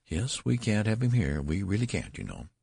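A man's voice: fairly low pitch, wildly swooping pitch, moderate pace, gravelly, a little mellow, husky, no room sound, studio quality, pitched above the performer's own voice, full character voice. A man voicing a severe, prim female nurse who gives bossy orders in a storybook. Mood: insistent. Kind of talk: audiobook character voice.

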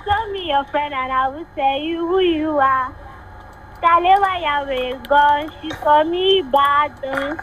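A woman's voice: sits high, unhurried, a bit bright, slight background noise. A woman calling in to a radio show, heard over the phone, speaking politely and a little tentatively. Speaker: radio caller. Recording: muffled phone line.

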